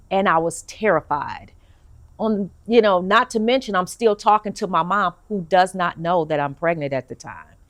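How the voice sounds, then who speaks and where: A middle-aged woman giving an earnest personal testimony, halting often with fillers as she tells her story. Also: lowish voice. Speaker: testimony speaker.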